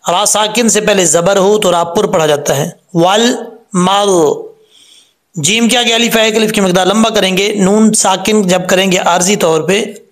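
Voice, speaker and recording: A man teaching Quran recitation, explaining each sound patiently step by step and chanting the verses slowly. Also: high voice. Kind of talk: tajweed lesson with recitation.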